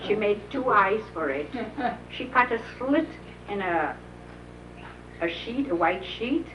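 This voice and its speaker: A woman's voice: mid-range voice, lively intonation, distant mic. An older woman reminisces at an easy pace, chuckling as she tells a story to a small gathering. The sound is an old VHS tape, muffled and hissy. She is picked up from across an echoey room. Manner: chuckling, unhurried storytelling with frequent laughs. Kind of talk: reminiscing anecdote told to a small audience.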